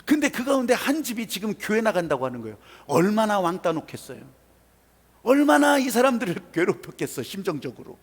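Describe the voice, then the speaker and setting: A male pastor preaching a sermon in a church, telling a story with animated, emphatic asides. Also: high-pitched, brisk, slightly rough. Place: church sanctuary. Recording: reverberant church hall.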